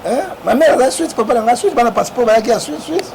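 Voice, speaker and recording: With a Congolese French accent, an interview guest from the Democratic Republic of the Congo delivers animated political talk, fast and emphatic, often nudging the listener with "hein?". His voice is high and gravelly, and the background is noisy.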